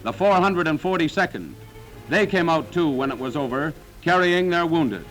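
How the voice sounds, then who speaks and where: A man's voice: fairly high pitch, animated, moderate pace, fairly bright tone, soft background music, low-quality recording. A man narrating a 1940s wartime newsreel in a dramatic, solemn, declaiming manner.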